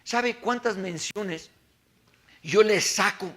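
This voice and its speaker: Middle-aged pastor, bright, sharp tone, animated preaching with rhetorical questions. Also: male voice, high-pitched, takes it slowly. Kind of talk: sermon to a men's conference.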